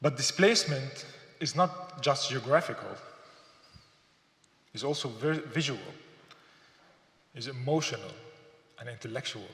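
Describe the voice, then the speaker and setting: A man from Syria giving a thoughtful, halting lecture as an artist, with fillers and repeated words. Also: mid-range voice, animated, a bit bright. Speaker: artist giving a symposium talk. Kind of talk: public lecture. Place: gallery lecture hall. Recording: echoey hall, long reverb.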